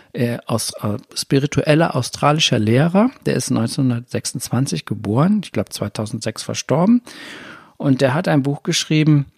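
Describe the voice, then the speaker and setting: A man's voice: mid-range voice, gravelly, darkish tone, dry recording, clean studio sound. A man hosting a spiritual self-help podcast, talking in a rambling, self-correcting conversational way. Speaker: podcast host.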